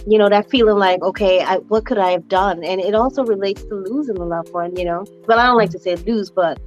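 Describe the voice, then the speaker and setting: A woman's voice: mid-range voice, fairly quick, faint music behind. Encouraging woman host, slightly muffled. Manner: warm encouraging, lots of "you know". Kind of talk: casual interview chat.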